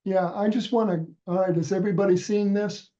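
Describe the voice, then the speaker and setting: The audio is dull, and the man's voice is high, steady and dark, moving a little fast. Congested from a head cold, this volunteer trainer gives a patient, step-by-step walkthrough of a website to volunteers on a video call, often starting over mid-thought.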